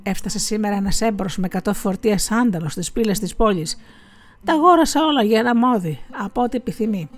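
A woman's voice: mid-range voice, faint music behind, natural voice. Lady voicing a smug little thief guy, fawning and bragging. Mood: boastful. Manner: flattering then bragging. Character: fawning male thief, boastful.

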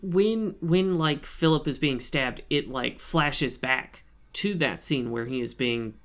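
A man's voice: fairly high pitch, takes it slowly, a bit bright. A man co-hosting a casual podcast chat, talking loosely with frequent fillers and asides. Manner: chatty, lots of fillers and asides. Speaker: podcast co-host.

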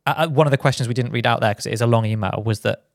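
Quick-talking British man co-hosting. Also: medium pitch, dry recording, studio quality. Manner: quick, with frequent restarts and fillers. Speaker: podcast co-host. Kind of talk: casual podcast chat.

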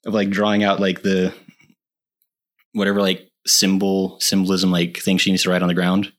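A man co-hosting a podcast, chatting casually and enthusiastically, laughing often and filling pauses with "like" and "uh". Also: sits low, completely flat delivery, a bit bright. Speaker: podcast co-host. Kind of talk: casual chat.

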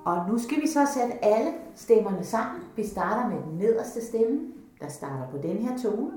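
A woman's voice: medium pitch, lively intonation, a little mellow, slightly rough, soft background music. A woman who is a singer and choir teacher, patiently explaining singing exercises step by step and counting in. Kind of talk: spoken singing lesson.

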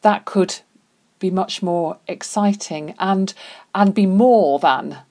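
A woman's voice: mid-range voice, takes it slowly, darkish tone. A woman interviewer asking probing questions in a conversational way.

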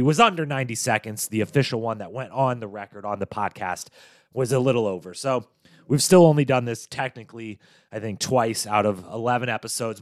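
A man with a nasal, congested voice hosts a casual podcast, chatty and playful. His pitch sits in an ordinary middle range, and the sound is close and dry, with no room echo. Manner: chatty, self-promoting, playful asides. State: stuffy nose from a cold. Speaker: podcast host. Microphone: studio microphone.

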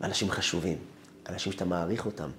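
A man's voice: sits low, steady tone, fairly bright tone, slight background noise. A man, a rabbi, telling a first-person story as part of a sermon.

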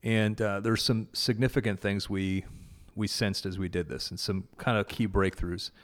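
A man with a lowish voice speaks at a normal speed in a steady tone, casually and earnestly recounting a prayer gathering. He's a guest and organizer of the prayer event, and his casual talk about faith is full of fillers and restarts.

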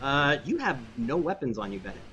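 Excitable man running a tabletop game. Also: medium pitch, dull audio, slight background noise. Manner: animated, excitable, quick to exclaim. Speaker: game master. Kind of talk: narrating a tabletop game on a live stream.

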